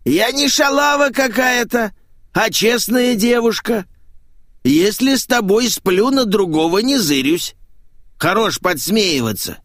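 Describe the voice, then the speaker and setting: A man voicing a drunken, crude, hysterical middle-aged woman in an audiobook, with a husky, slurred, brash voice. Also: high voice, expressive, a little slow, a bit bright, no room sound, studio quality. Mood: brash, coarse. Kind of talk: audiobook character voice.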